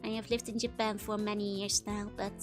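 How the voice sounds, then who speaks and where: A young Dutch woman from the Netherlands, a VTuber, chats casually while streaming a game and reading chat, rambling with plenty of fillers and giggles. Her medium-pitched voice stays fairly flat and brisk, with music playing behind her.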